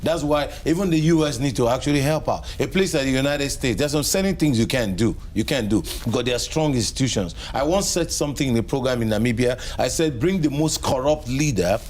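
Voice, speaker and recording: A man's voice: medium pitch, lively intonation, a little fast, few pauses, a little mellow. A man answering as a guest in an interview, speaking emphatically and repeating phrases for stress.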